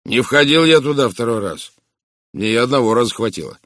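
A man reading an audiobook voicing a nervous ex-convict servant, rough and plain-spoken. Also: mid-range voice, lively intonation, fairly quick, a bit bright, dry recording, clean studio sound, natural voice. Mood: defensive.

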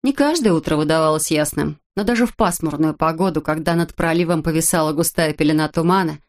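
A woman narrating an audiobook in a measured, even reading voice. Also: low voice.

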